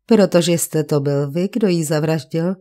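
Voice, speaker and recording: A woman's voice: sits low, warm tone, lightly acted. A woman reading the lines of a stern male magistrate who questions a suspect coolly, in an audiobook. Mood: cool, probing. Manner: cold, questioning.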